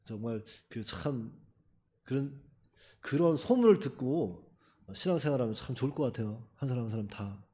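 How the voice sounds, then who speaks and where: A man's voice: medium pitch, expressive, normal speed, dark tone. A man preaching a sermon as pastor, talking to the congregation in a chatty way, acting out quotes and chuckling between points. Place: church.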